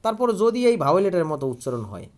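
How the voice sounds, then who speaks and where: Man, high voice, grammar teacher, asks and answers his own questions. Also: very animated, rapid-fire, a little mellow. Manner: asks questions and answers them himself, repeating key words. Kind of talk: online grammar lesson.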